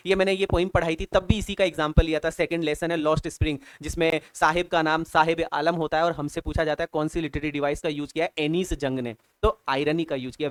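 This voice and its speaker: Smooth-voiced Indian teacher drilling exam answers. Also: male voice, on the high side, no room sound. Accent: Indian English. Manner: repetitive drilling, calls students "bhaiya" and "beta". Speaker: English teacher. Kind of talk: exam-prep lesson, mixing Hindi and English.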